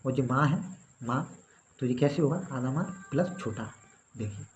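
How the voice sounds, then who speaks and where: A man with a mid-range voice teaches a grammar lesson at normal speed. He walks through the material step by step, regularly checking in with his students, in a slightly dull recording with faint background noise.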